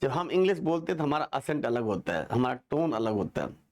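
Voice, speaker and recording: A male teacher giving a lively, joking classroom lesson, quizzing students and having them repeat words. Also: medium pitch, a little fast.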